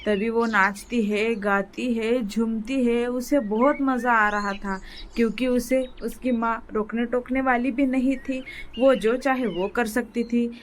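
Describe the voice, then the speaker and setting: A woman's voice: fairly high pitch, steady tone, measured pace, a little hiss or hum. A woman narrating a children's cartoon story in a simple storytelling manner.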